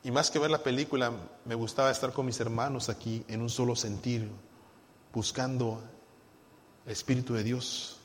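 A male pastor preaching a sermon to his congregation, asking them rhetorical questions and moving between hushed asides and loud, emphatic lines. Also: mid-range voice, steady tone, normal speed. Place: church sanctuary. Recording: long hall reverb.

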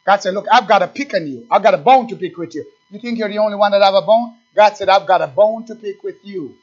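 Preaching from the pulpit, this high-voiced pastor drops into soft asides, then surges loud in a fiery sermon. He reads scripture slowly with heavy emphasis and keeps putting questions straight to the congregation, captured on a dull, lo-fi recording.

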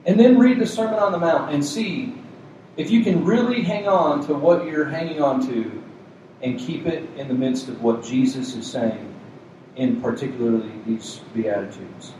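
Pitched on the high side with a dark tone, a soothing-voiced pastor delivers his sermon at normal speed, chatting and joking lightly. The mic sits far from him in a community center meeting room, so the sound is heavily echoey with a faint noise floor and a cooling unit humming quietly.

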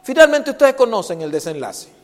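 A man with a very high voice preaches a sermon into a handheld microphone, pressing his listeners with rhetorical questions. He moves between loud, emphatic lines and hushed, quiet passages. A long reverb from the church hall trails every word. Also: big pitch swings, fairly quick.

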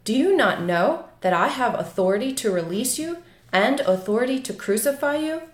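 A woman reading scripture aloud at a measured pace, slowing and rising on the quoted words. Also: on the high side, expressive. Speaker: scripture reader. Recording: echoey room.

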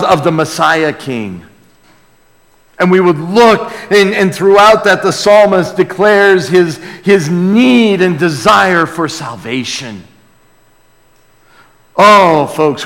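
This pastor's voice sits fairly high and sounds fairly bright, echoing through a big reverberant hall. Preaching to his congregation in a conversational, call-and-response Bible lesson, he stays earnest and exclamatory, lingering on phrases and repeating them.

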